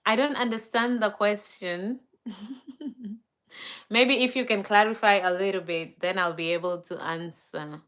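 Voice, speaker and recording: This livestreamer, a Kenyan woman whose first languages are Swahili and Luo, chats in a Kenyan accent while reading viewer comments, full of fillers and quick laughs. Her mid-range voice is unhurried and a little bright.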